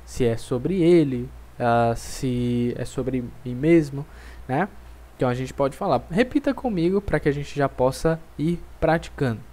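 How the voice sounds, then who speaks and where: Slow, patient teacher. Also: male voice, mid-range voice, expressive, warm tone. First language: Portuguese. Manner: slow, patient, says French words twice for the class to repeat. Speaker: French teacher. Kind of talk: language lesson with repetition drills.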